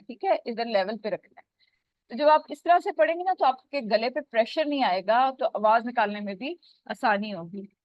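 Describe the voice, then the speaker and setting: A fairly high female voice, free of echo, guides an online lesson on how to recite the Quran, going step by step and drawing out the Arabic words slowly. Sound quality is dull, dry, and lo-fi.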